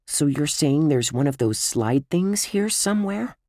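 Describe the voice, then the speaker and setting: A man reading a children's book aloud, voicing a calm, sensible young girl in a lightly raised, soft voice. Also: a little high, unhurried, no room sound, studio quality, voice pushed up.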